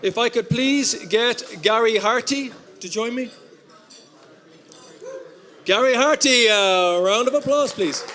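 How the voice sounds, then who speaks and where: A man's voice: very high-pitched, takes it slowly, pauses often, pushed and bright, some chatter behind. A man from Galway with a west of Ireland accent, hosting a live event and interviewing in a chatty, jokey way. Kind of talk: master of ceremonies presenting and interviewing.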